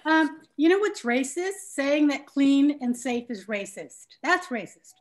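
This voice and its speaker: Combative high-voiced woman. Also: animated, a little slow. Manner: sharp, combative, sarcastic. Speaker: board member. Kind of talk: public comment at online meeting.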